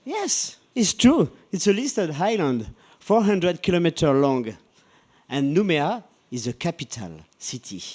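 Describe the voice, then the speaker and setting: A man with a French accent, speaking English as a second language in a light, halting conference presentation. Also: a little high, expressive, darkish tone. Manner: halting, laughs often. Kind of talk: scripted two-person presentation.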